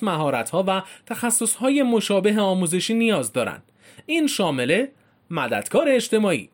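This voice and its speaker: A man reading a formal informational script as a narrator, with casual spoken word endings. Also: high-pitched.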